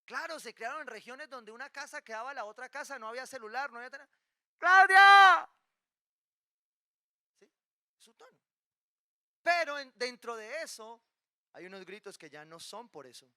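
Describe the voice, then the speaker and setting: A male pastor delivers a sermon with a high, very bright and sharp voice. He keeps it lively, tossing rhetorical questions to the congregation and slipping in playful asides. The sound is dry and close, with little room around it. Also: fast talker, no echo. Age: adult, married with children.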